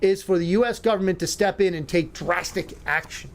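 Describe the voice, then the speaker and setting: A man with a notably high voice hosts a talk-radio show. He comments with sarcasm and mocking asides. He rambles with fillers and restarts. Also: fairly quick.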